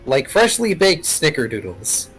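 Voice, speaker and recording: Animated, creaky-voiced male game master. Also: fairly high pitch, measured pace, faint music behind. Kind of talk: casual tabletop game narration.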